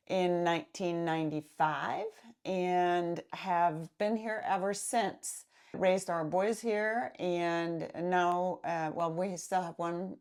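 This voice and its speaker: A woman in her fifties co-hosts a podcast with a lowish voice. She chats at an easy pace, often pausing on a drawn-out "uh". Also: a little mellow, clear, resonant tone. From Denmark. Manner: unhurried, with many filler "uh"s. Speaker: podcast co-host. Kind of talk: casual chat.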